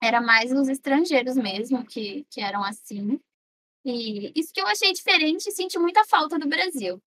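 A woman's voice: high-pitched, animated, normal speed, a bit bright. A young woman with a Brazilian Portuguese accent, casually recounting experiences as a guest in a group chat.

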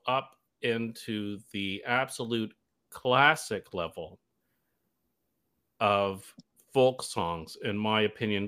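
A man's voice: fairly low pitch, fairly bright tone. A man from Canada, a guest DJ on a radio show, talking casually and enthusiastically, rambling with plenty of fillers.

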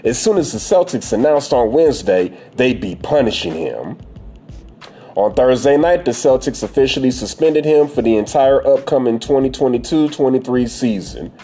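A man's voice: medium pitch, expressive, normal speed, mellow, breathy edge, faint music behind. A man giving blunt, profane casual commentary and lecturing his listeners.

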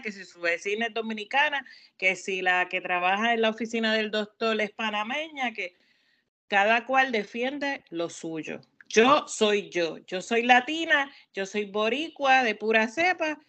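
A woman's voice: on the high side, animated, measured pace, pushed and bright. Emphatic Puerto Rican woman giving advice. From Puerto Rico. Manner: earnest, emphatic, gives direct advice. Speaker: podcast co-host. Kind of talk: casual chat.

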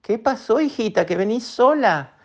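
A woman voicing a caring mother otter, soft and concerned. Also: fairly high pitch, expressive, normal speed, pitched above the performer's own voice, close to an everyday voice. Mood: worried. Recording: dull lo-fi recording.

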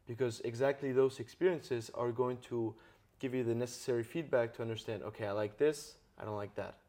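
A man's voice: mid-range voice, brisk, dark tone. A man hosting a podcast interview, explaining ideas earnestly and checking in with frequent tag questions. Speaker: podcast host. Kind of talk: interview conversation.

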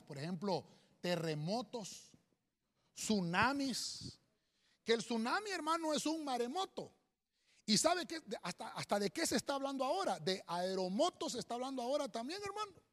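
A male pastor preaching a sermon. He speaks emphatically, often calls listeners "hermano", and pauses to write and spell words on a board. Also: high voice. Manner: teaching at a board, writing and spelling words aloud. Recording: long hall reverb.

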